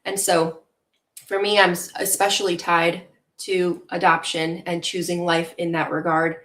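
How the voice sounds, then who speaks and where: Young woman guest, from Venezuela, lowish voice, earnest, reflective, fillers. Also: flat delivery, measured pace, fairly bright tone. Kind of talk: casual interview talk.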